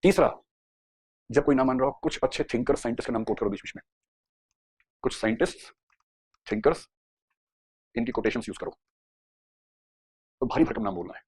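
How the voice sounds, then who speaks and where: A husky-voiced man teaching psychology in a classroom. He talks very fast and playfully, slipping into little acted scenes to make his points. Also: mid-range voice, lively intonation, darkish tone. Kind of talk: classroom lecture mixing Hindi and English.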